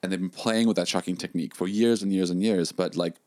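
A man's voice: sits low, fairly even intonation, quick pace, a little mellow, dry recording, studio quality. A young man, a drum teacher, talking casually in a chat, with many fillers and restarts. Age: young adult.

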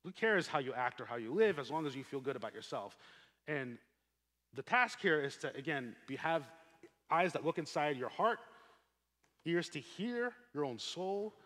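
A man preaching a sermon as pastor, earnest and emphatic, swelling on key points and dropping soft at the ends of phrases. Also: a little high, lively intonation, normal speed. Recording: long hall reverb.

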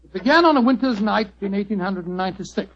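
High-voiced, fussy Doctor Watson. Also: male voice, expressive, quick pace. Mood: storytelling. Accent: English. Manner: fussy, bluff, exclamatory storyteller. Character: genial, easily astonished English doctor, the detective's companion. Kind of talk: old-time radio narration and drama. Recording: noisy, dull vintage radio recording.

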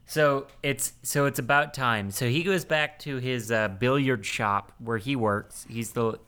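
A tired man hosting a podcast, retelling a film in halting casual chat full of fillers. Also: medium pitch, fairly bright tone, clear, resonant tone. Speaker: podcast host recapping a film.

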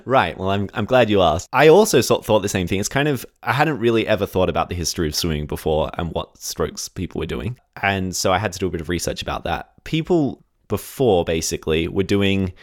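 A relaxed Australian man who hosts a podcast and tells a story in a loose, conversational way. His voice sits a little low, and he chuckles and backtracks freely as he talks. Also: brisk, hardly any pauses. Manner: chatty, laughs often, self-correcting. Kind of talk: casual storytelling chat.

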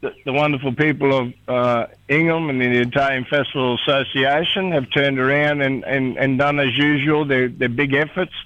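A man's voice: mid-range voice, steady tone, normal speed, few pauses, fairly bright tone, dry recording. A middle-aged man with a rural North Queensland accent, chatting casually on radio in a rambling, laconic drawl. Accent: rural North Queensland Australian. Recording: dull, lo-fi radio sound.

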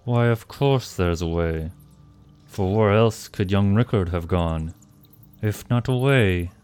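A man voicing a great, sly tomcat in an audiobook, speaking slowly and smoothly with a deep voice. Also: darkish tone. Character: sly scheming talking tomcat, male, great size. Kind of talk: storybook character voice. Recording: faint music behind the voice.

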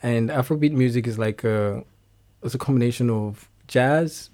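This casual interview chat features a guest musician, a young man with a Nigerian accent whose voice is medium in pitch and somewhat dark. Frequent laughter and stop-start self-corrections run through his speech.

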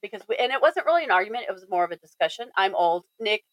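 A woman's voice: mid-range voice, animated, very fast, dry recording, rough recording. Chatty woman in her fifties. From Colorado. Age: 50s. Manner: chatty, restarts and repeats words, laughs easily. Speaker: podcast co-host. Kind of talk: casual chat.

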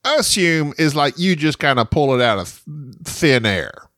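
A man co-hosting a podcast in casual banter, teasing and quick to argue his point. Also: fairly high pitch, big pitch swings, fairly bright tone, no room sound, studio quality. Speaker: podcast co-host.

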